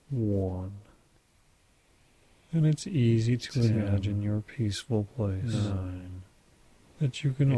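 A man guiding a scripted hypnosis induction, speaking softly and repetitively as he counts numbers. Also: on the low side. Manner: slow, soft, repetitive counting.

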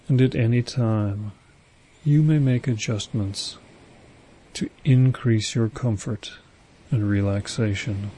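A man guiding a hypnosis induction, speaking slow, soothing, repetitive suggestions. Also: medium pitch, dark tone.

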